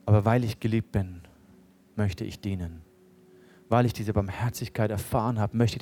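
A man preaching a sermon at a church service, earnestly asking the congregation direct questions and swinging between emphatic and quiet passages. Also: breathy edge. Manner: swings between raised, emphatic lines and quiet, low ones.

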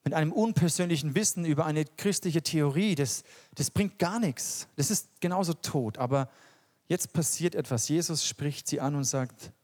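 A man preaching a sermon in an impassioned, conversational way, often sinking into soft, hushed tones. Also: fairly high pitch, normal speed. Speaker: pastor.

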